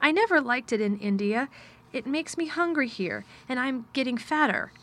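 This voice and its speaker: Woman as an anxious, bright-voiced little girl. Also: high voice, animated, pitched above the performer's own voice. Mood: earnest. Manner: timid, halting, tremulous. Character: plain, thin little girl, stiff, anxious, timidly eager.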